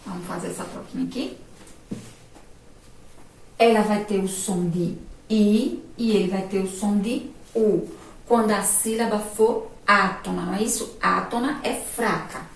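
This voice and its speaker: A woman primary school teacher from Sergipe in Brazil gives a remote spelling lesson to young children. She talks slowly and patiently and keeps asking the children if they follow. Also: medium pitch, gravelly. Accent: Sergipe Brazilian Portuguese. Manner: slow, patient, asks checking questions. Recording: echoey room, voice from a distance.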